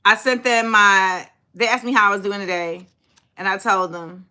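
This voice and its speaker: Speaking at a normal speed in a mid-range voice, a woman in her forties runs a laid-back livestream. She's animated, sassy and talkative, addressing viewers head-on and responding to the comments they post.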